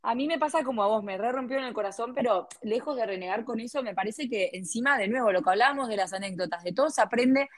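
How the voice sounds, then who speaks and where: A woman's voice: a little high, fast, hardly any pauses, no room sound. Argentine woman, podcast host, chatty, close dry sound. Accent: Argentine Spanish. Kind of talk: casual chat.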